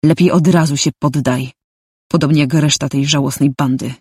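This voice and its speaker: A woman voicing a menacing, mocking male warrior leader in an audiobook, with a slow, taunting delivery. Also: sits low, fairly even intonation, darkish tone, slightly rough, no room sound, studio quality.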